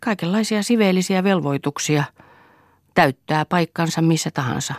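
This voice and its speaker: A woman reading the lines of a patient, submissive wife who answers calmly and meekly. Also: lowish voice, no room sound, clean studio sound, pitched above the performer's own voice, lightly acted. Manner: calm, meek.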